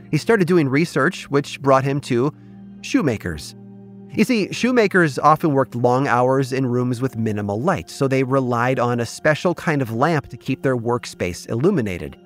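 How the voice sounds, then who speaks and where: A man delivering scripted storytelling narration as a host, with measured phrasing and deliberate dramatic pauses. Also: mid-range voice.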